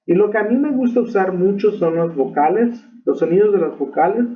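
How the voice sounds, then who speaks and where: A man's voice: sits high, lively intonation. A man teaching English pronunciation in a recorded lesson, explaining patiently and checking in with "ok?". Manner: slow, patient explaining with frequent "ok?" check-ins. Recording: tinny phone-like audio.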